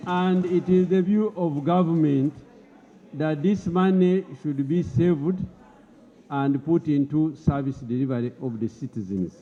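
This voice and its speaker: A man's voice: a little high, measured pace. A man speaking formally as a government minister in a parliamentary debate, often repeating words as he presses his point. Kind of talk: parliamentary address. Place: parliament chamber. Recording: lo-fi broadcast audio in a reverberant chamber.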